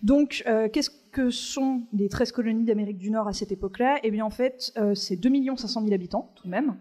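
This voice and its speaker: A woman co-hosts a live podcast and walks the audience through a history segment. She talks casually and step by step, pausing on fillers as she goes. Her voice sits a little high. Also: mellow. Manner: chatty, explains step by step with many fillers. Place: stage in front of a live audience.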